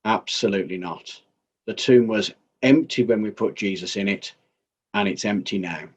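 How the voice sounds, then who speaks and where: Man acting low, husky-voiced Joseph of Arimathea. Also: normal speed. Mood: firm. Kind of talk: dramatized courtroom testimony.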